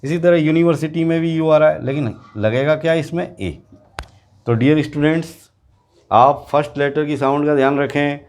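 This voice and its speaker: A man teaching an English grammar lesson to students, explaining slowly and repeating example words. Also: fairly high pitch, a little mellow. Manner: slow, repetitive explaining, addressing students directly.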